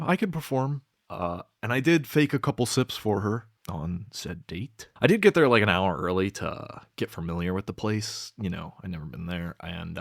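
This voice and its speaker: A young man telling a rambling comedic story to camera, deadpan, with lots of fillers and swearing. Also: sits low, gravelly, dry recording, studio quality. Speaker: vlogger.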